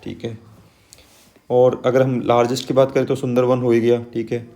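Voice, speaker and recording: A man teaching an exam-prep lesson in a conversational way, often adding "है ना" and reading lists of names slowly one at a time. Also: mid-range voice, completely flat delivery, warm tone. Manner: conversational, frequent "है ना" and "ठीक है" tags.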